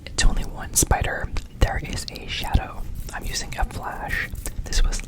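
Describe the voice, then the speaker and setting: A man hosting ASMR in a breathy, unvoiced whisper, rambling casually and repeating words in rhythmic runs. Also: unhurried. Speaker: ASMR video host.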